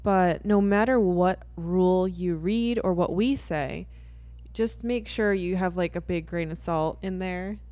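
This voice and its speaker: A woman co-hosting a casual podcast, explaining points in an animated way with lots of fillers. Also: lowish voice, unhurried, dry recording. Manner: animated, laughs often, explains with many fillers. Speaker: podcast co-host.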